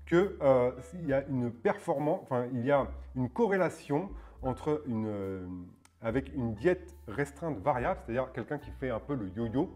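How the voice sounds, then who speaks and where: A man's voice: medium pitch, animated, moderate pace, a little mellow. A man in his forties hosting a fitness video channel, talking casually and hesitantly, with many fillers and restarts and a habit of checking in with his viewers. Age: 40s. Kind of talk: casual explanatory video talk.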